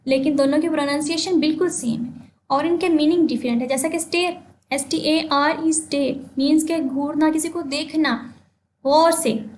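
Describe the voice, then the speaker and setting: A woman teacher giving a class lesson, explaining slowly, asking the class questions and spelling words letter by letter. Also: high-pitched.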